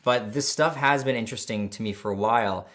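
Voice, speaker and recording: A man's voice: on the low side, brisk, a bit bright. A male vlogger talking through a casual unboxing in a sarcastic, joking mood, stumbling over hard plant names.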